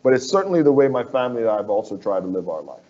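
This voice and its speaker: A man's voice: fairly low pitch, very animated, racing, a little mellow. Earnest man from the Bahamas, lo-fi sound. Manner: earnest, persuasive, repeats phrases for emphasis. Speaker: construction firm executive. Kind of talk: interview guest.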